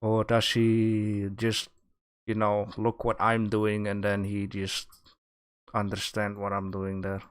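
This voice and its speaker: A man's voice: fairly low pitch, completely flat delivery, clear, resonant tone. A man hosting a livestream, chatting casually with his viewers, joking and restarting his sentences as he goes. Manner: rambling, joking with chat, halting restarts. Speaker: livestream host giving art critique.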